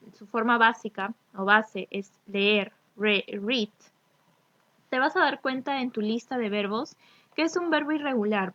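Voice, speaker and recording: Lady teacher, slowish english examples, keeps asking ok? ya?, dead dry room sound. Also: fairly high pitch, a bit bright, no room sound. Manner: reads English examples slowly and carefully, then explains in Spanish; checks often with "¿ok?" and "¿ya?". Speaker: addresses students as chicos. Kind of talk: recorded remote lesson explaining grammar. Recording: dry, slightly dull recording.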